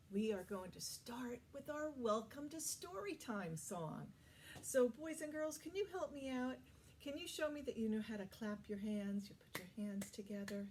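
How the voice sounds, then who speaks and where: A woman's voice: medium pitch, darkish tone, a little hiss or hum. A woman working as a children's librarian, leading a toddler story time with encouraging, simple phrases, questions and praise for young children.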